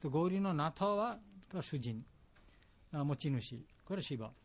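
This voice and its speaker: A man teaching a class a devotional song, patiently explaining it word by word in simple, halting Japanese. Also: a little high, animated. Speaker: chant teacher. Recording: dull lo-fi recording.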